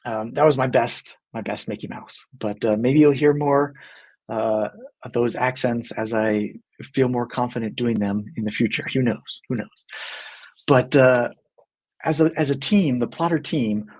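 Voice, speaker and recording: A man with a somewhat husky, breathy voice at a middle pitch, talking casually to his audience. He is earnest and friendly and often restarts his sentences with fillers. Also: measured pace, darkish tone. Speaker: company team member hosting a video segment. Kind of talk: casual talk to camera.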